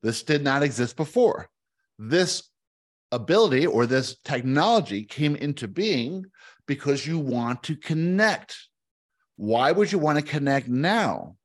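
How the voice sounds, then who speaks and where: A man teaching spiritual ideas in answer to questions, in an oracular manner, with emphatic, repeated phrases in short deliberate clauses. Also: a little high, animated. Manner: oracular, speaking as a collective "we".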